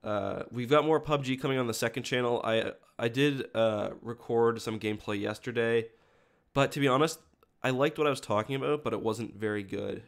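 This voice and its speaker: Brisk and gravelly at a medium pitch, this man's voice is congested and sniffly from a cold. As a video creator on a livestream, he chats casually with viewers, rambling, stopping and starting, and correcting himself.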